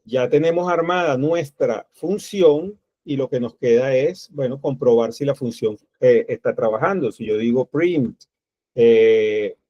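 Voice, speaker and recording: A man's voice: mid-range voice, unhurried, mellow, dry recording. A man teaching a programming class, thinking aloud step by step while he types code. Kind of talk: screen-recorded coding tutorial. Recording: dull, lo-fi dry recording.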